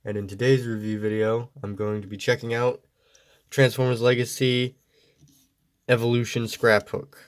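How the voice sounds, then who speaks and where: A man's voice: mid-range voice, little pitch movement, moderate pace. A man with a stuffy, congested voice giving a casual, meandering toy review. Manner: easygoing, meandering explanations.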